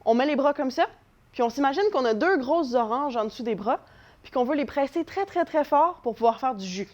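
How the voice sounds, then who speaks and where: A woman's voice: high voice, animated, brisk. A young woman teaching a children's voice lesson, encouraging and demonstrating vocal exercises. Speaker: drama teacher. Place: living room at home.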